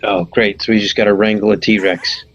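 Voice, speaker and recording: Male game player, casual planning talk, low-pitched, dull lo-fi sound with music behind. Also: flat delivery, normal speed, a bit bright.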